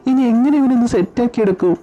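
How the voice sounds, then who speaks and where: A woman's voice: on the high side, fast, mellow, highs cut off, soft background music, close to an everyday voice. A woman voicing anxious young men bantering and pleading with friends in a fan audio drama. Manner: pleading, exasperated chatter.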